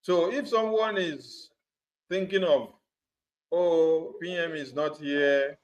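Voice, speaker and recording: A man's voice: fairly high pitch, slow pace. A man speaks on a conference call, addressing supporters in an emphatic, repetitive way. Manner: emphatic and repetitive, hammering points. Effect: conference call audio. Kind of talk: political address on a group call. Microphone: phone or computer on a group call. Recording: dull lo-fi conference call line.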